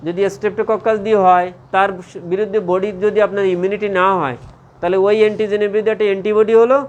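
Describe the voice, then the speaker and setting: A man's voice: high voice, a little hiss or hum. A man giving a medical lecture to a class. He asks questions and answers them himself, and keeps checking that the class follows.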